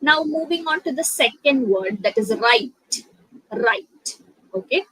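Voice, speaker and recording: A young woman with a Malayali accent teaching an English lesson, spelling out words letter by letter and switching between careful English and quick Malayalam. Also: high-pitched, animated, bright, forceful tone, no room sound, rough recording. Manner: slow, deliberate English explanations, mixed with rapid Malayalam. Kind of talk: online spoken-English lesson.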